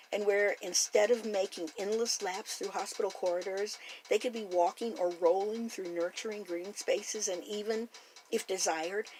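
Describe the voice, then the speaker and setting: Gentle older woman musing hopefully. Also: mid-range voice, poor audio. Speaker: food blogger and podcaster. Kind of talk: reflective personal monologue.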